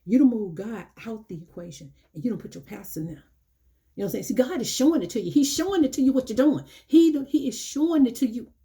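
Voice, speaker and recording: Mellow-voiced woman preaching a scolding sermon. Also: mid-range voice, gravelly. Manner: repetitive, scolding, keeps asking "you know what I'm saying"; acts out quoted churchgoers in dialogue. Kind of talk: informal sermon.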